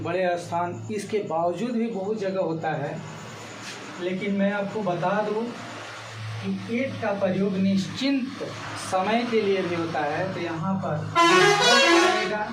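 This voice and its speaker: A man teaching an exam-prep grammar lesson, explaining each answer option slowly and step by step. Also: sits high. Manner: slow, explanatory, walks through each option. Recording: echoey room, mic far off.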